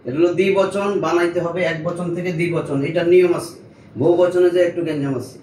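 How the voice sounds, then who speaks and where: A man's voice: sits high, fairly even intonation, fast talker, a little mellow. A man teaching grammar to a small class, explaining step by step and checking that his students follow. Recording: echoey room, mic at a distance, faint noise.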